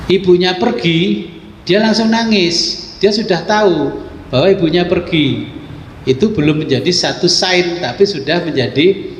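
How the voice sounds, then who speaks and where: A man's voice: on the high side, slight background noise. Man teaching in an echoey hall. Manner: casual, folksy explaining with rhetorical questions. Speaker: religious teacher. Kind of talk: kitab study lecture. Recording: echoey hall with faint ambience.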